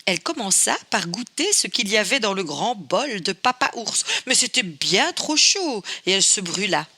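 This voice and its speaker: A woman reading a fairy tale aloud to children, telling it in an expressive, playful way. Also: mid-range voice, moderate pace, slightly rough. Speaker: storyteller.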